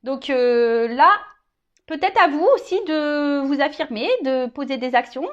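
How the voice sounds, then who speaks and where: A woman's voice: high voice, unhurried, lo-fi sound. A woman giving a casual tarot reading to her viewers, hesitant, restarting and repeating words, often tagging on little asides. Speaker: tarot card reader.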